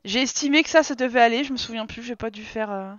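Woman streamer, high smooth voice, exasperated casual let's-play chatter, dry dull mic. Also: fast talker, a bit bright, no echo. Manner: exasperated, scolds her characters. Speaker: gaming streamer.

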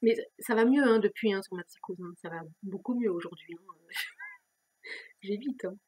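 A woman vlogger telling a personal story in a chatty, self-mocking way, laughing often and dropping into soft whispered asides. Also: mid-range voice, expressive, unhurried, husky. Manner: restless, repeating questions and restarting phrases. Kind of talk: casual personal storytelling to camera.

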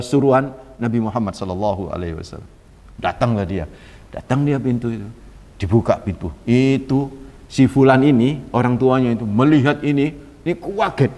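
In a mid-range, somewhat mellow voice, a man delivers a sermon as a religious teacher, animatedly narrating a story, voicing its dialogue, and slipping in conversational asides. His voice echoes through a hall.

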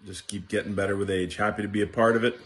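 A man's voice: fairly low pitch, steady tone, quick pace, a bit bright. A man giving a laid-back, complimentary birthday greeting. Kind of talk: casual recorded birthday greeting.

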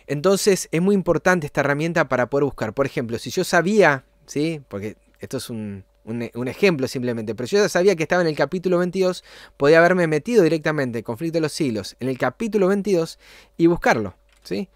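Man explaining software step by step. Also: fairly high pitch, animated, dry recording. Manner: explanatory, often checks in with a quick "¿sí?". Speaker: channel host giving a software tutorial. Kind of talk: casual screen-recorded tutorial.

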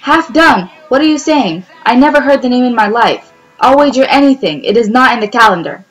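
A woman's voice: a little fast, faint music behind, natural voice, rough recording. A woman voicing an anxious, suspicious little female mouse in a storybook reading. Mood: alarmed. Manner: high exclamations, anxious questioning.

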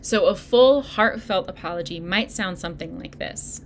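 A woman pastor giving a sermon, speaking in a gentle, encouraging way straight to her listeners. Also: on the low side, normal speed, gravelly, slight background noise. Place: church video recording.

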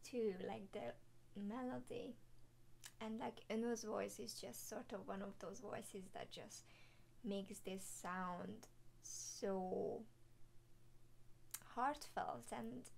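A young woman giving a soft, emotional reaction commentary over a song, trailing off with many fillers. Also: fairly high pitch, gravelly, slight background noise. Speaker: reaction video host. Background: song playing faintly.

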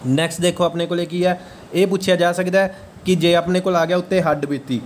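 A man delivers an exam-prep grammar lecture in a slightly high voice. He keeps checking whether his students are following. Faint noise hums under the recording. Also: fairly even intonation, brisk. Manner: checks understanding with repeated questions. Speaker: teacher.

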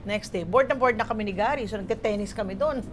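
A woman's voice: medium pitch, fast, faint music behind. A woman from the Philippines, a guest actress, telling stories in casual chat and acting out what people said. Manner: animated, acts out quoted lines, mixes Tagalog and English.

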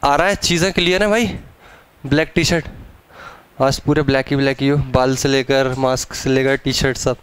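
A man's voice: medium pitch, steady tone, fairly bright tone, clean tone. A young man teaching chemistry in a live classroom lecture, speaking in a casual, teasing way and drawing out key terms. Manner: casual, teasing students, drawn-out stressed terms. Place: classroom with students.

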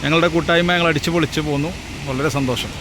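A man, dropping English words into his speech. It is recorded on a walk outdoors, with clear noise behind him. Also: fairly high pitch, fairly even intonation, fast. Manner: mixes English words into Malayalam. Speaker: vlogger. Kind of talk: casual travel vlog narration. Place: outdoors on a forest walking trail. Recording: noisy outdoor walking recording.

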